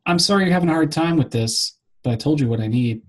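A man's voice: on the high side, lively intonation, fast talker. A man co-hosting a podcast in casual chat, recorded in an echoey room at home that sounds like a cave. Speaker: podcast co-host.

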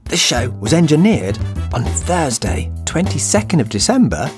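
A male podcast host with a croaky, hoarse voice, reading scripted narration. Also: fairly high pitch, big pitch swings, normal speed, music in the background. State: hoarse from shouting.

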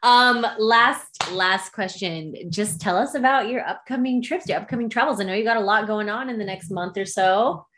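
A woman co-hosting a casual travel podcast interview, giving quick, upbeat, encouraging replies. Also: medium pitch, a bit bright. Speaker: podcast co-host.

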